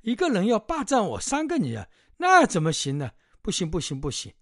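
A man's voice: fairly high pitch, big pitch swings, moderate pace, creaky, no echo, clean studio sound, pitched above the performer's own voice. A man voicing a bossy middle-aged widow and mother of three daughters, who scolds and haggles in exclamations. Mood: indignant.

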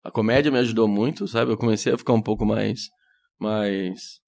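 Shy Brazilian comedian telling stories. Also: male voice, on the low side, steady tone, a little fast, gravelly, a little mellow. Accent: Brazilian Portuguese. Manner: shy, self-deprecating storyteller who acts out quoted voices. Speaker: comedian guest. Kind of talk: casual podcast chat.

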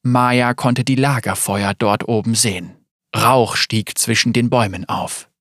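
A man narrating a dramatic story in a measured, scripted reading. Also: fairly low pitch, steady tone, a bit bright, no echo, studio quality.

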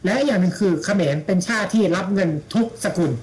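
A man's voice: high voice, steady tone, fast talker, a little mellow, low-quality recording. A man in casual chat, blunt and slangy, with mocking asides.

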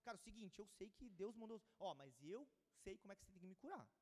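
A man's voice: high-pitched, lively intonation, fast. A man playing a proud, offended foreign army commander who talks in indignant, demanding slang. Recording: long hall reverb.

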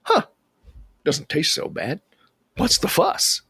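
A man voicing a small, polite, curious young frog with a husky voice. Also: a little high, wildly swooping pitch, slow pace, pushed and bright, no echo, pitched above the performer's own voice, exaggerated voice. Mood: casual.

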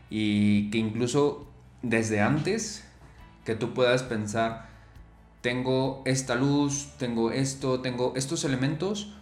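Guy doing a chatty podcast, lots of ums and repeats, echoey room. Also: lowish voice. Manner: conversational, many fillers and repeated words. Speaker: podcast host. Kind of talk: casual solo podcast about photography. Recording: echoey room, faint music.

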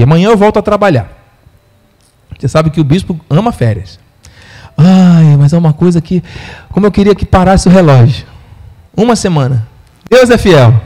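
A man with a Brazilian Portuguese accent preaching a sermon, telling a story with animated voices for the people in it. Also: high-pitched. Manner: animated storyteller, acts out quotes. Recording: long hall reverb.

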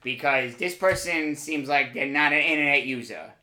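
Excitable podcast host man, higher bright voice, echoey room. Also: moderate pace. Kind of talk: improvised comedy chat.

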